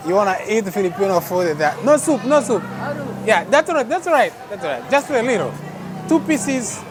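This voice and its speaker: Over music, a very animated Texan man with a high-sitting voice talks at normal speed while vlogging his way through an outdoor night food court, often exclaiming in wonder. It's casual walking narration in a noisy, crowded street market, with crowd chatter and traffic behind him.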